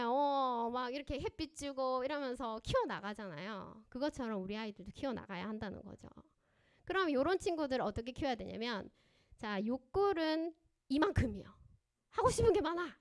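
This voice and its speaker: A woman counselor giving a parenting seminar at a church, animated and often quizzing her audience with questions. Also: high voice. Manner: acts out parents and children in lively voices.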